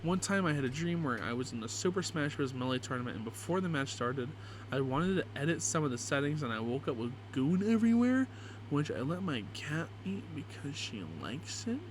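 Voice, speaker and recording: A man's voice: fairly high pitch, animated, brisk, a little hiss or hum, low-quality recording. A young man reading aloud casually and gleefully, with crude, amused reactions, as a YouTube creator would. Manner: crude, joking, swearing.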